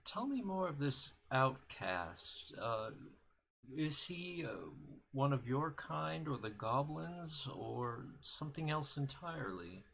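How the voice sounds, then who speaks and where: An earnest young adventurer, as a man plays him in a tabletop game, asking careful, courteous questions. The voice is gravelly and unhurried. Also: mid-range voice, sing-song, fairly bright tone, slight background noise, voice pushed up, full character voice. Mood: curious. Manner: polite, searching questions.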